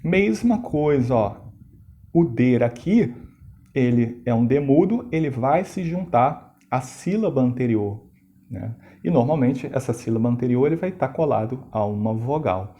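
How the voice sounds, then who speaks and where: A man's voice: mid-range voice, animated, unhurried, warm tone. A male teacher explaining syllable division in a lesson, stressing key words and asking rhetorical questions.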